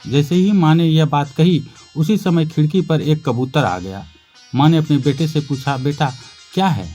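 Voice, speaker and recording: Male storyteller, slightly raised pitch, reads a moral tale over faint background music. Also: moderate pace, warm tone. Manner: acts out the son's and mother's lines. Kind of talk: scripted narration of a moral story.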